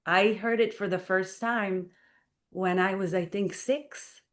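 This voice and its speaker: Speaking slowly with fairly even intonation at a medium pitch, this Israeli playwright and performer is a guest on talk radio. She comes across as earnest and fills her speech with "like" and "you know," recorded through a studio mic.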